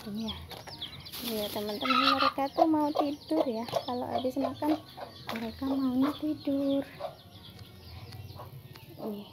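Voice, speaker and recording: High-voiced woman coaxing pets, slow and giggly. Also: heavy background noise. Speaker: vlogger with pet squirrels. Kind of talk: casual vlog, coaxing pets. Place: outdoors by a tree in the morning.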